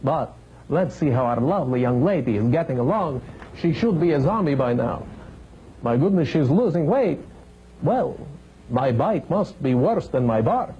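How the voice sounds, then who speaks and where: A man's voice: on the high side, animated, normal speed, dark tone, slightly rough, heavily acted. A man playing a pompous old vampire baron as a campy horror host, theatrical and mock-sinister, delivering puns. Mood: wry, punning. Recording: dull, hissy vintage 1970s TV tape.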